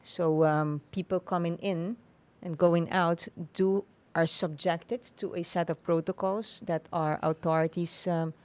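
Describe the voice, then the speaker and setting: A woman with an Aruban accent explaining things formally and in measured, hesitant phrases as an interview guest. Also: fairly low pitch, fairly even intonation, a little mellow. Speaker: tourism authority official, interview guest.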